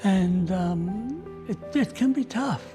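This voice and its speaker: Older man, interview guest, slow and mellow, halting and candid delivery. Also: high voice, expressive, faint music behind. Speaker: Salvation Army officer.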